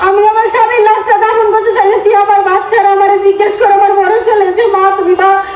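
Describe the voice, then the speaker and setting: A young woman with a Bangladeshi accent speaks in an extremely high, tearful voice. She pleads in distress, as in an emotional public appeal. The sound is dull and echoey, with some noise around her. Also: level tone, quick pace, a little mellow. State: tearful, close to crying. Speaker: bereaved widow making a public appeal. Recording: dull, noisy, echoey news interview audio.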